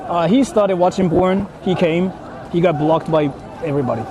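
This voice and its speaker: The sound is lo-fi, with a crowd plus traffic and urban noise behind a Japanese live streamer on a city street. He speaks at a moderate pace in a high-pitched voice with a Japanese accent, rambling casually and bluntly while replying to viewers.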